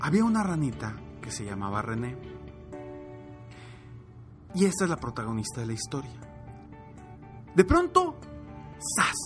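A man, a motivational coach and podcast host, telling a fable in an animated, repetitive way. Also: medium pitch, moderate pace, pauses often, over music. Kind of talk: motivational storytelling.

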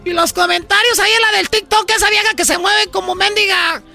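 A woman's voice: very high voice, fairly even intonation, fairly quick, creaky, bright, forceful tone, soft background music, full character voice. A woman playing a jealous, nagging Mexican housewife who scolds her husband in sarcastic rants, with a Mexican accent. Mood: exasperated. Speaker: comedy sketch performer.

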